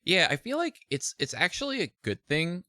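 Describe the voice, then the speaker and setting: A man's voice: fairly high pitch, wildly swooping pitch, moderate pace, pushed and bright, dry recording, clean studio sound. A man interviewing a gamer, talking casually and thinking aloud, often checking in with "right?".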